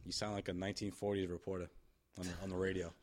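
A man co-hosting a casual sports podcast, teasing and repeating himself in quick bursts. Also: low-pitched, little pitch movement, darkish tone. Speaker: podcast co-host.

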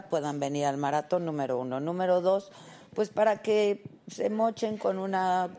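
A woman's voice: mid-range voice, mellow. A middle-aged woman with a Mexican accent, chatty and playful, hosting a live talk show. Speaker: host.

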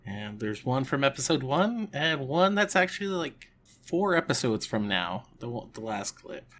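A man's voice: medium pitch, very animated, moderate pace, a bit bright, slight background noise. A man, a tabletop player and podcast host, chatting casually. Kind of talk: casual chat.

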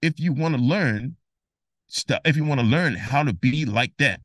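On a casual interview podcast, a male guest explains music theory in an animated, emphatic way, acting out imagined conversations. He has a mid-range voice and moderate pace, recorded in studio quality with no echo.

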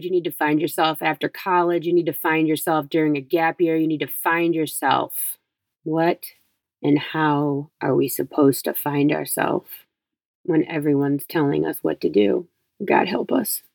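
Middle-aged woman, slightly low pitch, dry sound, emphatic motivational podcast monologue, conversational, repetitive for effect. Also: darkish tone, dry recording. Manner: emphatic, repeats phrases for effect, rhetorical questions. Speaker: podcast host.

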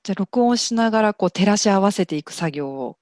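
A woman's voice: mid-range voice, expressive, fast talker, a little mellow, no echo. A woman hosting a casual interview, attentive and agreeable, with frequent short acknowledgements. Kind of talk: conversational interview.

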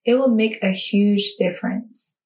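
A woman's voice: mid-range voice, unhurried, a little mellow. An earnest woman hosts a devotional podcast and speaks to her listeners in a personal, heartfelt way. Her voice sits in a middle range and sounds a little distant from the mic. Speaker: podcast host.

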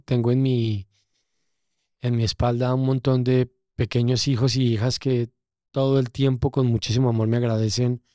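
A man's voice: mid-range voice, dark tone, no echo, studio quality. A Colombian man, a casting director, talking expressively as a podcast guest and acting out the people he quotes. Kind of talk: casual interview.

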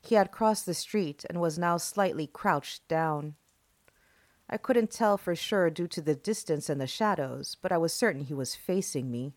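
A woman's voice: low voice, moderate pace, no echo. A woman narrating scripted scary stories as a horror host, in a theatrical, ominous storytelling manner.

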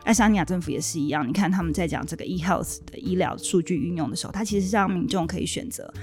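Woman lawyer guest, low-ish voice, brisk matter-of-fact delivery. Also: darkish tone, faint music behind. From Taiwan. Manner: quick, matter-of-fact explaining. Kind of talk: casual podcast conversation.

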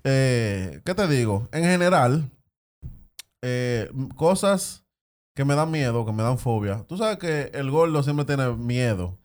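A man's voice: medium pitch, expressive, slow. A man with a Dominican accent hosting a casual, slangy group chat in a playful, teasing way. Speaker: podcast host.

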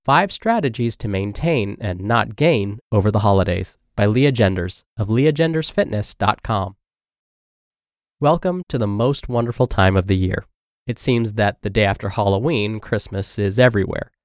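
A man's voice: on the low side, expressive, normal speed, no room sound, clean studio sound. A man hosting a health podcast, reading a blog article aloud, his voice a little congested. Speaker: podcast host and narrator.

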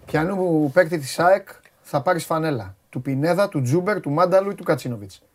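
A man hosting a sports radio show, chatting casually and teasing his guests, with quick restarts. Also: a little high. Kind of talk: casual chat.

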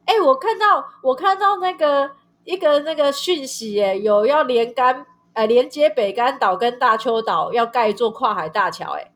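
A woman chats casually in Taiwanese-accented Mandarin. Her voice sits a little high, and her delivery is informal and conversational. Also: moderate pace, a bit bright. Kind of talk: casual chat.

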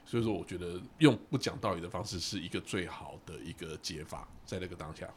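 A man co-hosting a podcast, telling a personal story in casual chat and acting out the quoted dialogue with lively energy. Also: sits low, fast, a little hiss or hum. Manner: animated storyteller who acts out quoted dialogue.

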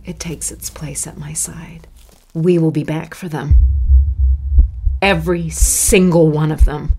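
A woman's voice: sits low, steady tone, a little slow, warm tone, a little hiss or hum. A woman playing a teenage girl turning into a raging werewolf, narrating a horror audio drama in first person with intense, swearing dread. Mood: vengeful.

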